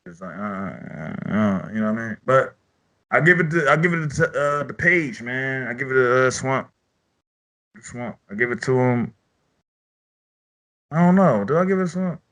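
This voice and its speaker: A man's voice: medium pitch, normal speed, sharp tone. A man hosting a casual chat about battle rap, loose and profane, often repeating himself as he rambles. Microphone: own podcast mic.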